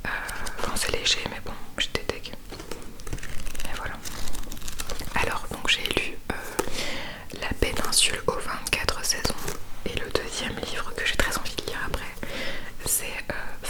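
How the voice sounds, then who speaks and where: A woman speaks entirely in a soft library whisper. Her delivery is breathy and voiceless, in an intimate ASMR style. She chats informally and takes her time, as the host of a book haul. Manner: hushed, unhurried, informal.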